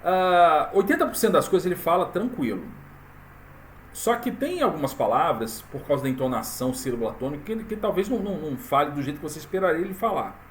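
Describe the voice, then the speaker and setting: A man walking viewers through a software tutorial in a casual, chatty way, full of fillers and tag questions. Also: a little high, very animated, fast talker, a little hiss or hum. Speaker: tutorial presenter. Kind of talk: casual screen-recorded tutorial.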